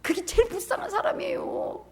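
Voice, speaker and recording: A woman pastor preaching a sermon, swinging from loud cries to hushed whispers and acting out the voices in the scripture scene. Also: very high-pitched, expressive, fairly quick. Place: church sanctuary.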